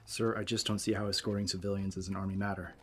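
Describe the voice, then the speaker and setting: A man's voice: sits low, level tone, fast, slightly rough. An actor playing an eager, indignant young cavalry lieutenant in a western film, clipped and formal as he protests his orders. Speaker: army lieutenant.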